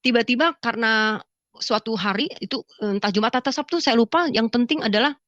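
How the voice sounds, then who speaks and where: Animated woman telling a testimony. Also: a little high, brisk, no echo, highs cut off. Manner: animated storyteller who acts out dialogue in a raised voice. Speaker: testimony speaker. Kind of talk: spoken religious testimony to an audience.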